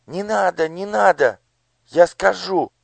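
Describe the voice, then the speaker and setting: A man's voice: medium pitch, measured pace, vocal fry, no echo, voice pushed up. A man voicing a frightened young girl disguised as a page, whimpering and pleading in pain, in an audiobook. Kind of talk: audiobook character voice.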